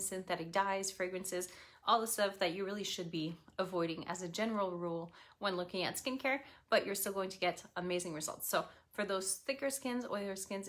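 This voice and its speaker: A woman presenting skincare products in a tutorial, speaking directly to the viewer in an instructive, friendly way. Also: mid-range voice.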